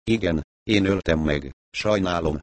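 A man voicing a remorseful, deranged male villain who speaks in a quiet, regretful, fatalistic way. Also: deep voice, a little hiss or hum, natural voice. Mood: calm remorse.

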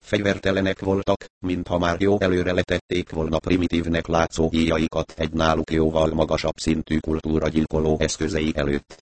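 A man narrating an audiobook in a steady first-person storytelling manner. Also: rumbling low.

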